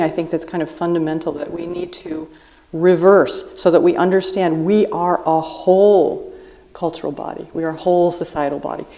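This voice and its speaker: At a live podcast taping on a festival stage, a guest writer speaks in a low, mellow voice. She makes her point earnestly, working through an extended metaphor.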